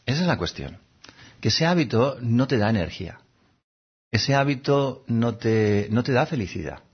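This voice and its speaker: A man giving a gentle, unhurried reflective talk, now and then slipping into little voices to act out examples. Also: medium pitch, expressive, husky. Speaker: speaker giving a talk on habits. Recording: dull, lo-fi recording.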